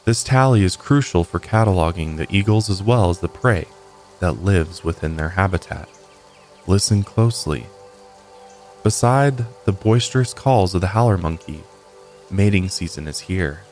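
A man giving slow, measured, scripted narration for a nature documentary. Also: sits low, animated, darkish tone, soft background music, poor audio. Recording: faint rain in background.

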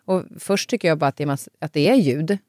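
A woman hosting a conversation, telling personal stories in a lively, chatty way. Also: low voice, no echo, clean studio sound. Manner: lively storyteller, animated when quoting others. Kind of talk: casual conversation.

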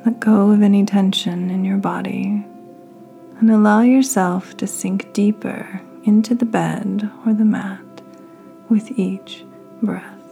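A woman hosting a podcast, leading a guided meditation in a soft, half-whispered, soothing voice. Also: mid-range voice, steady tone, takes it slowly, gravelly, soft background music. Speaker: podcast host.

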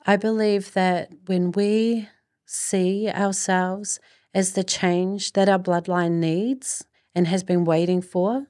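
Measured woman, podcast host. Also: lowish voice, a little mellow, no echo, studio quality. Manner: earnest, reflective, deliberate phrasing. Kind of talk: motivational podcast monologue.

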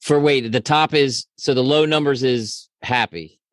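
A man's voice: mid-range voice, unhurried, no room sound, clean studio sound. A man co-hosting a casual podcast, playful and jokey in the banter. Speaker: podcast co-host.

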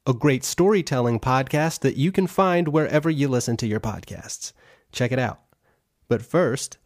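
A man's voice: mid-range voice, a little mellow. A man co-hosting a children's show, explaining a game in an easygoing way. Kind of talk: friendly kids' show presenting.

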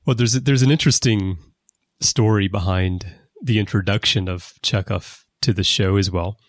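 Low-voiced man explaining at length. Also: normal speed, no room sound, clean studio sound. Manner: explanatory storyteller, lively emphasis. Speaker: podcast host. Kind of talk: casual conversation about a TV series. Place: lives in Japan.

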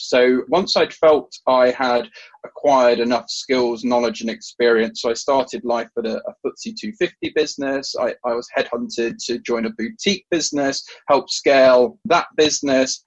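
A man's voice: mid-range voice, slightly rough, dull audio. A man in his thirties with an English Midlands accent, speaking as a polite, earnest podcast guest. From England. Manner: polite, earnest, with small restarts. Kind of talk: conversational interview.

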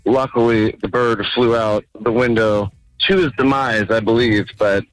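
A man's voice: on the low side, fairly even intonation, moderate pace, fairly bright tone, dry recording, poor audio. Man's casual voicemail over a landline. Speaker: caller leaving a voicemail.

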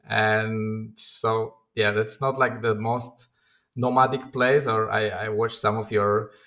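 A man's voice: lowish voice, flat delivery, slow pace, a bit bright. A man talking as a guest on a podcast from his own apartment over a video call, hesitant with many restarts and fillers. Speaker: guest, company founder. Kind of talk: casual interview chat.

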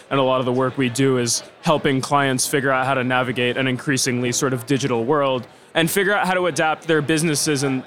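Man from Venezuela, tech consultant, relaxed, long rambling answers, mid pitch. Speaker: technology consultant, guest. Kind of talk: interview answers.

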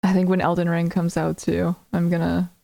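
A woman's voice: on the low side, completely flat delivery, normal speed, gravelly, a loud crowd. A woman guest on a podcast, a streamer, talking casually with a wry, joking manner. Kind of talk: casual chat.

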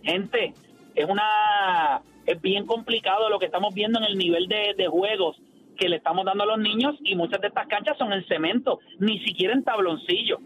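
A man's voice: sits high, moderate pace, a bit bright, dull audio, soft background music. A man with a Puerto Rican accent hosting a sports talk radio show, emphatic and opinionated, addressing listeners directly.

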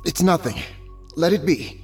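A man playing a stoic, devoted god of fertility and loving husband in an audio drama, speaking in an earnest, measured way. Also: a little high, animated, husky, soft background music, exaggerated voice.

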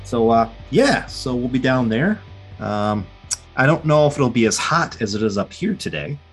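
A man's voice: mid-range voice, lively intonation, moderate pace, soft background music. An American man hosting a casual sports fan podcast, chatting informally. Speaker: podcast host.

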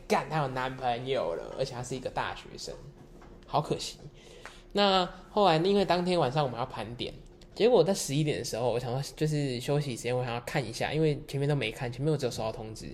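A man's voice: medium pitch, gravelly, a little mellow, a little hiss or hum. A man in his twenties with a Taiwanese Mandarin accent, hosting a podcast and telling personal stories in a loose, candid way, swearing casually. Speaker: podcast host. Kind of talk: casual storytelling chat.

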